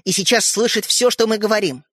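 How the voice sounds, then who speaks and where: A woman's voice: mid-range voice, a little fast, no echo, studio quality, lightly acted. A woman voicing a cheeky younger brother, a small boy who teases his sister slyly in an audiobook. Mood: teasing. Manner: teasing, sly.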